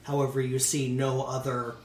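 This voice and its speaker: A man narrating a tabletop role-playing game as game master, in a relaxed, halting way with many fillers. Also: mid-range voice, reverberant, far from the mic, slight background noise.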